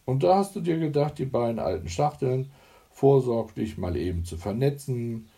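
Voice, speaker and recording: A man's voice: mid-range voice, expressive, moderate pace, gravelly, warm tone, voice pushed up. A man voicing a mocking, curt 45-year-old secretary in an audiobook. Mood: sardonic. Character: sardonic 45-year-old secretary woman, brusque.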